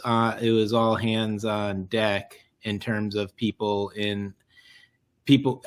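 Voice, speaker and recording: A man, a videographer, answering on a festival Q&A panel in a thoughtful, rambling way. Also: lowish voice. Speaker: videographer and editor.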